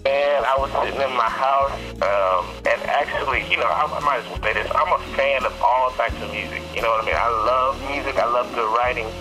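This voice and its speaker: A man heard over a phone line, talking in a mid-range voice as he chats about his work. He rambles loosely, with lots of fillers and restarts. Music plays loudly behind the call. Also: mid-range voice, brisk, few pauses. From Carolina. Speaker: gospel artist guest. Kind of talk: casual phone interview.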